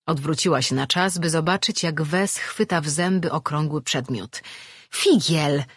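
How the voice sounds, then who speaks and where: Casting: measured audiobook narrator, husky, dry booth sound. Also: medium pitch, no echo. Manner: steady, measured storytelling.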